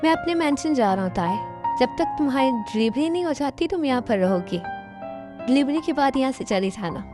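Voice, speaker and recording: A woman's voice: high voice, animated, fairly quick. A woman voicing a curt, commanding young male mafia boss in a fan dub. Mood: cold. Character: young male mafia king, cold and angry. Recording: music in background.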